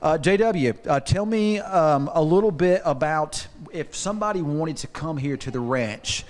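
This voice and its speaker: A man's voice: fairly high pitch, lively intonation, moderate pace. A man, a meteorologist giving a folksy on-location weather report, sometimes talking with food in his mouth. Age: 60s. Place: outdoors at a ranch restaurant.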